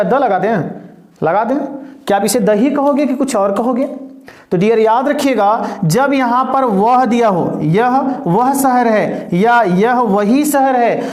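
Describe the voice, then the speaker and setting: A male English teacher giving an online grammar lesson. He poses questions to his students and answers them himself, slows down to dictate example sentences, and calls his listeners dear and brother. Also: very high-pitched. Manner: slow and deliberate when dictating example sentences. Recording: echoey room.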